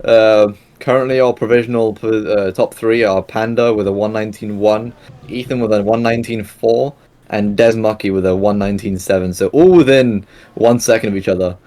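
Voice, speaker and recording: A man's voice: on the low side, fairly even intonation, normal speed, mellow. A young man doing live sim racing commentary in a casual, rambling way, full of fillers and self-corrections. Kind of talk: live esports race commentary.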